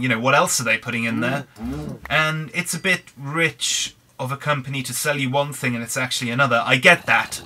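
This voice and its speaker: A young British man with a hoarse, croaky throat, chatting in a rambling way over a Minecraft let's play. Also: medium pitch, pushed and bright, a little hiss or hum. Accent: British English. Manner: rambling, chatty, frequent restarts. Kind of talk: casual gameplay commentary.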